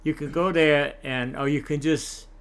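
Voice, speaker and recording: A man's voice: a little high, steady tone, measured pace, smooth. An older man, a clown entertainer, chatting casually in an interview, folksy and full of corny puns.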